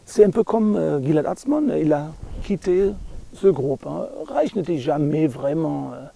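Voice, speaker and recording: This middle-aged German-accented man speaks animatedly and mellowly in a rambling monologue, though he halts often to hunt for words and leans on tag questions. His slightly high, gravelly, fry-laden voice is captured close-up in a dry recording.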